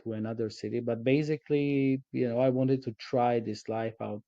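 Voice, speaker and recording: A man talks in a relaxed, reflective way, pausing on fillers as he thinks. His voice is mellow and mid-pitched. The call audio is dry and a little dull. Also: no echo. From Armenia. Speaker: guest, company CEO. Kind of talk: casual interview conversation.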